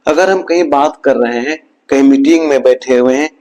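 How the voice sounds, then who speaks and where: A man giving a scripted motivational talk in a slow, measured way, with his voice dropping low at the end of each point. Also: a little mellow, rough recording. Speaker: motivational speaker.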